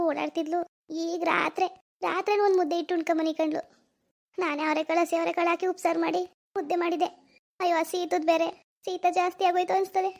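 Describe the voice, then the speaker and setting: A woman's voice: extremely high pitch, darkish tone. A woman doing a lamenting old village aunt. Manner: lamenting, tearful storytelling. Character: elderly village aunt mourning her sister. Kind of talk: cartoon voice acting.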